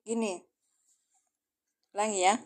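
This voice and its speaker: A woman, teaching Arabic grammar on a live stream. She talks casually, answers viewers as she goes and slows down to spell out the examples. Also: medium pitch, steady tone. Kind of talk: casual livestream lesson.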